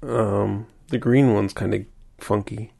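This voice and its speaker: A man co-hosting a show, chatting casually about shopping items, haltingly thinking aloud as he browses and reads out product details. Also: on the low side, steady tone, gravelly, mellow, slightly rough. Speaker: podcast co-host.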